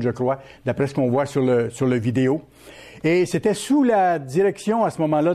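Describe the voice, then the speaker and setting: A man, preaching and explaining in a measured way, with frequent hesitations. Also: on the high side, warm tone. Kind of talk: sermon-style commentary.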